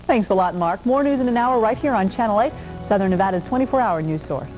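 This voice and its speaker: Female local news anchor, medium pitch. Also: expressive, fast, over music, low-quality recording. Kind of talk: scripted news brief.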